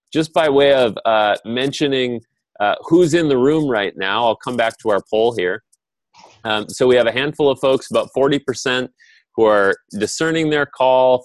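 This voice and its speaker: With a medium-pitched voice and no room sound in the audio, a man hosts an online panel over video call. His webinar moderation is informal and conversational.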